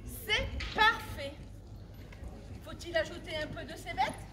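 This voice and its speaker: Woman acting a high-pitched, naive medieval wife. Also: slow, roomy sound, background noise. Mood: tempted, savouring. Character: timid, obedient medieval wife with a greedy streak. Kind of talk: open-air farce acting.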